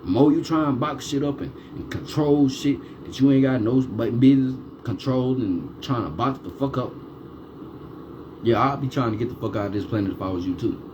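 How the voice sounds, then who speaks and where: Man ranting over steady noise. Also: medium pitch, brisk, dull audio. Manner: heavy swearing, repeated rhetorical questions. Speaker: vlogger. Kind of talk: ranting monologue.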